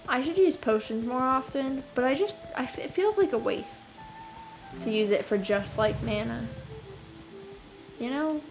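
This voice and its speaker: A young woman hosts a gameplay video from her apartment, talking casually to herself with many sighs and fillers. She speaks in a high-pitched, animated, unhurried way with long pauses; the audio is poor, and game music sits clearly behind her voice.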